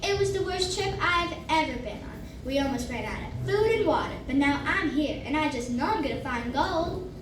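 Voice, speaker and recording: A woman's voice: sits high, animated, normal speed. A young-sounding female performer playing an eager, boastful gold miner in a school stage play, from far off in a noisy echoey hall. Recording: distant mic, echoey hall, loud noise.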